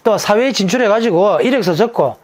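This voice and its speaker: A man, a monk, explains his teaching to an interviewer. His pitch rises and falls in lively swings. He often puts a question and then answers it in an emphatic, casual tone. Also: fairly quick. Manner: lecturing, asks rhetorical questions and answers them himself; drops into a casual, emphatic sentence ending. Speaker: Buddhist monk who gives naming advice.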